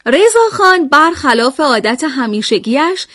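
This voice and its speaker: A woman's voice: high-pitched, big pitch swings, fairly bright tone, dry recording, studio quality. A woman narrating historical anecdotes in a scripted radio program.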